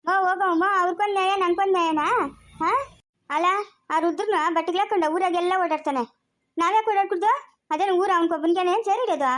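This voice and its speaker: A woman's voice: extremely high pitch, fast talker. A woman playing a boastful, defiant young village man showing off his new clothes, speaking. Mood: indignant.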